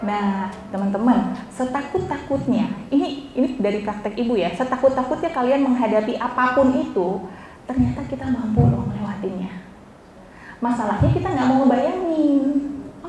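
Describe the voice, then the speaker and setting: A woman giving a lively, interactive mental health talk to teenagers, often asking the audience questions. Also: high-pitched. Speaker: seminar speaker on mental health. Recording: echoey hall with faint noise.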